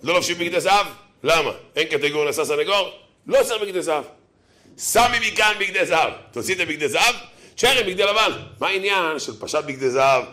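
A man giving a lively sermon, telling stories and acting out the voices of the people in them, chuckling often. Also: on the high side. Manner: animated, acts out quoted voices, chuckles often. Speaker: rabbi preacher.

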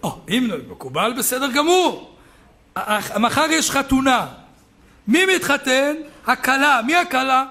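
Rabbi guy giving a sermon, really high voice for a man, tells stories and gets loud. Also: expressive. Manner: storytelling, builds to loud shouting peaks, chuckles. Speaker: rabbi preaching to a congregation.

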